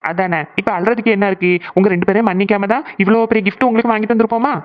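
A woman's voice: medium pitch, racing, lightly acted. A woman voicing a cheerful, teasing young female relative in a cartoon. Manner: teasing, lively. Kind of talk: cartoon voice acting. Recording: slightly dull sound.

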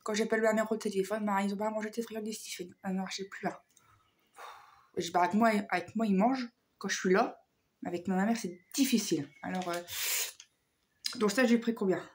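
A woman vlogger with a hoarse voice chatting casually through a shopping haul, hesitant and full of fillers. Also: mid-range voice, fairly quick, long pauses, slight background noise.

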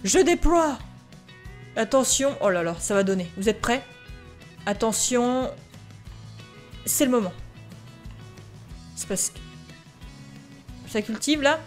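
Faint music plays behind a woman with a voice on the high side who takes her time, leaving long pauses. As a gaming video host, she gives easygoing let's-play commentary on a farming game, speaking to viewers and reading its prompts aloud.

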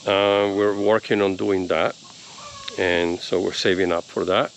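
A man's voice: deep voice, level tone, unhurried. A man in his fifties, originally from Italy, chatting to camera on his rural property in an easygoing, rambling way with lots of ums, filmed on a phone at arm's length. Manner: easygoing, rambling, with many ums and little laughs. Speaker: homesteading vlogger. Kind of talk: casual vlog talk to camera.

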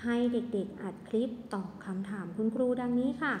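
Woman teacher for small children, gentle sing-song delivery; roomy recording with faint background noise. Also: a little high, a little fast. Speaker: kindergarten teacher. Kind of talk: online lesson for young children. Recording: echoey room with long reverb, faint ambience.

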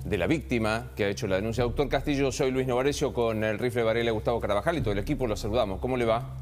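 A man hosting a TV news panel, asking brisk, probing questions in a studio. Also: medium pitch, a little hiss or hum. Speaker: news show host. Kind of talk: TV panel discussion.

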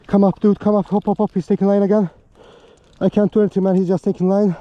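An excitable man narrating his ice fishing out on a frozen lake, out of breath and talking straight to his viewers. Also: high-pitched, fast, no room sound, lo-fi sound. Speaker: fishing vlogger. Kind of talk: excited live commentary while ice fishing.

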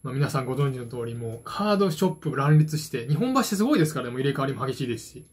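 A man's voice: medium pitch, big pitch swings, racing, breathy edge. A man in his forties from Japan chatting casually and rambling to the camera, with self-deprecating, hesitant asides. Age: 40s. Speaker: vlogger, card game hobbyist. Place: small dim room at home, indoors. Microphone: phone propped at arm's length.

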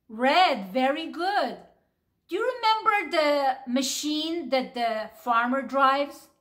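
A female teacher reads a story aloud to young children, animated and asking them questions along the way. Her voice sits high.

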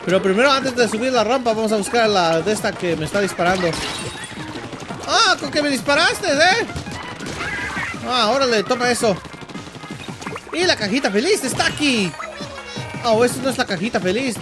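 A man with a Mexican accent hosting let's play commentary, joking and teasing himself with playful shouts. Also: high voice, brisk. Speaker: gaming channel host. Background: game music.

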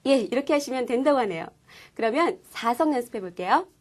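Brief: woman lesson host, high voice, patient, clear explainer. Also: expressive, fairly quick. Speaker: Korean-speaking Chinese language teacher. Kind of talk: scripted lesson presentation.

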